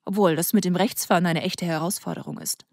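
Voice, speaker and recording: A woman's voice: fairly low pitch, fairly even intonation, quick pace, gravelly, darkish tone, dry recording, studio quality. A woman voicing a self-assured teenage boy who teases in an easygoing way, in an audiobook. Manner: easygoing, teasing. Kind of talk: audiobook character voice.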